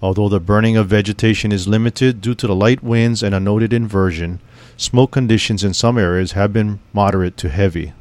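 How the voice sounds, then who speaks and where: A man reading a scripted civil defense information broadcast in a formal, measured, grave manner. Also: lowish voice, fairly even intonation, darkish tone, no room sound.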